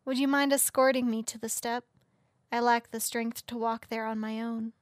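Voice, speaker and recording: A man's voice: extremely high pitch, level tone, no room sound, clean studio sound, pitched above the performer's own voice. A man voicing a frail, dying fay queen, in a weak, solemn and formal voice. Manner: solemn, slow, formal speech. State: weak and faint. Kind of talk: audiobook character voice.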